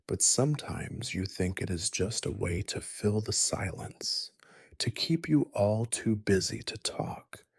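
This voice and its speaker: A man narrating a sleep story in a soft, gentle whispered role-play, close to the mic. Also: on the low side, breathy edge, no room sound.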